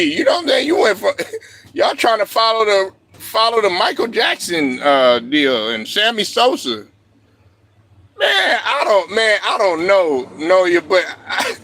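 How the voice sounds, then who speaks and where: Loud, high-voiced ranting male streamer. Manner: loud, profane, laughing ranting. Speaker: streamer host. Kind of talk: livestream rant.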